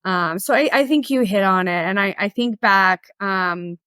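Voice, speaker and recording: A woman's voice: mid-range voice, moderate pace, bright, forceful tone, clean tone, no room sound. A woman hosting an interview podcast, speaking thoughtfully, often restarting her sentences as she sums up points. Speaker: podcast host. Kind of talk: conversational interview.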